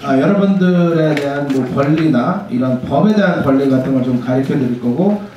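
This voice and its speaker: A man's voice: mid-range voice, warm tone. A man hosting a seminar with a polite, hesitant introduction, switching now and then into English. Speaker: seminar host. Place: large echoey indoor room. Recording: very echoey room, distant, faint noise.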